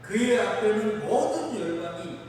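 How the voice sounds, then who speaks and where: A man's voice: sits high, lively intonation, measured pace, darkish tone. Male pastor, sermon, asks the congregation questions, recorded from a distance, long hall reverb, faint noise. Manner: asks the congregation questions, reads scripture aloud. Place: church sanctuary.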